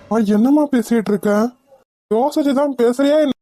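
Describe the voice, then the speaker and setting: A lovesick young man from a cartoon, as a woman voices him, earnest and pleading. His voice is mellow and rather high, recorded dry and close. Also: a little fast, dry recording, faint music behind. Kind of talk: cartoon voice acting.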